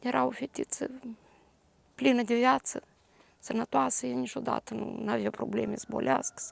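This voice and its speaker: An older woman with a Moldovan Romanian accent, a grieving grandmother giving a halting, detailed personal testimony. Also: a little high, steady tone, vocal fry, no room sound. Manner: halting, detailed retelling with restarts.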